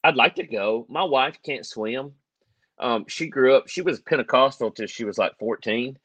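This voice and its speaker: A man's voice: medium pitch, moderate pace, fairly bright tone, no room sound. A man co-hosting a podcast, rambling and joking in casual chat, often laughing as he talks. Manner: rambling, jokey, laughs easily. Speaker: podcast co-host.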